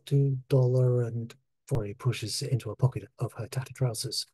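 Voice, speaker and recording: A man's voice: mid-range voice, fairly even intonation, moderate pace, warm tone, slightly rough, no echo. A man reading aloud from his own novel over a video call, his audio choppy and breaking up. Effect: choppy audio, breaking up over an unstable video call. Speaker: author.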